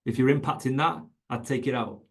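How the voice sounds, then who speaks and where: Male coach, mid-pitched, emphatic webinar delivery with repeated points. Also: a little fast, gravelly. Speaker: fitness coach educator.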